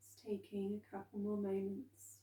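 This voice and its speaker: Woman, calm grounding exercise, mellow tone, unhurried, roomy distant recording. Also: medium pitch. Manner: calm, gentle, unhurried instruction with soft pauses. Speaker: meditation and movement instructor. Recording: roomy echo, distant from microphone.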